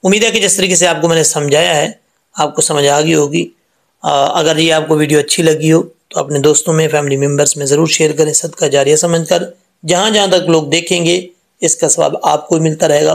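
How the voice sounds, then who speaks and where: Male Quran tutor with a Pakistani Urdu accent, slightly high and monotone, patient drill-style lesson voice. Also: creaky. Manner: drills syllables, then explains pronunciation calmly. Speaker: Quran reading teacher. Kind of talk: slow letter-by-letter recitation lesson.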